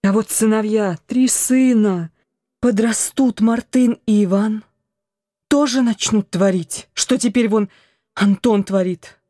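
A woman reading an audiobook, voicing a weary old noble mother who slowly laments her family's troubles. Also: medium pitch, mellow, no echo, clean studio sound. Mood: lamenting. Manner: mournful, slow complaining.

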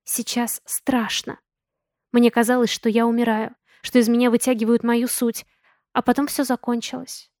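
Female audiobook reader, fairly high voice. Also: little pitch movement, fairly quick, mellow, no room sound, studio quality. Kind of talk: first-person audiobook narration.

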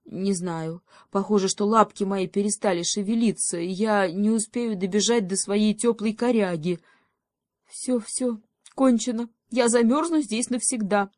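A woman voicing a small, fussy male hedgehog who chatters quickly. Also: darkish tone, no room sound, lightly acted. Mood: fading despair. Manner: quick, chattering, rising to shrill.

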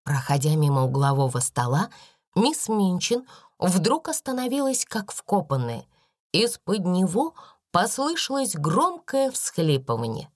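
A woman narrating a classic story aloud in an expressive storytelling manner. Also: fairly low pitch, unhurried, dry recording, studio quality. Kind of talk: audiobook narration.

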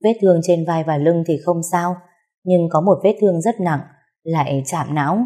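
A woman voicing a middle-aged male doctor who speaks in a measured, matter-of-fact way in a storybook reading. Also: on the low side, dark tone, slightly rough. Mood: calm.

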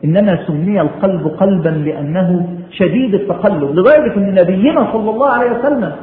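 A man with an expressive, high voice and an Egyptian Arabic accent delivers a colloquial religious sermon at a quick pace, pressing listeners with emphatic rhetorical questions and quoted recitations. The sound is noisy, tinny like a phone, and echoes around the room.

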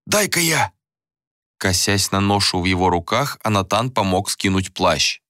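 A man narrating a fantasy novel in a measured, dramatic reading. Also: low-pitched, fairly even intonation, pushed and bright, no echo, clean studio sound. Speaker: audiobook narrator. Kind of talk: scripted narration.

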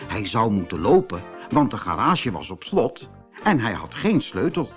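A man reading a children's storybook aloud in a slow, expressive way. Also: on the low side, soft background music. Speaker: audiobook narrator.

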